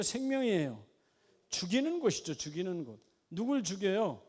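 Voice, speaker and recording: A pastor from Korea's Gyeongsang region preaches a sermon in a high voice. He asks the congregation questions in a folksy way, sometimes dropping into a quiet, chatty aside.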